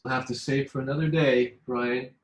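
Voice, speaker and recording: In a casual conversation between colleagues, a business English coach, a man born in New York and raised in Vancouver, often restarts his sentences and poses rhetorical questions. He speaks at medium pitch in a steady tone at normal speed.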